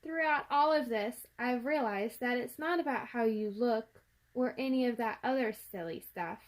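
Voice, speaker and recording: Reading a children's picture book aloud, a woman tells the story expressively, acting out the sound words and the dialogue. Her voice is a little high and her pace is normal.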